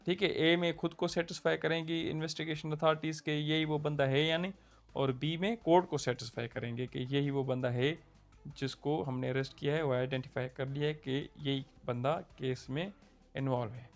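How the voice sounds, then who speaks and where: Faint music plays as a young Pakistani law lecturer, speaking with an Urdu accent, casually talks through a point of law and keeps checking in with "theek hai." His voice is a little high, his tone steady, his pace moderate.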